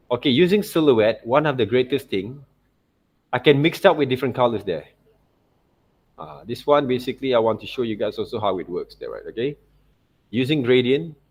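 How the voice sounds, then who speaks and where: A man with a mid-range voice demonstrates digital illustration software informally, thinking aloud while he teaches. He often checks in with "okay" and "right."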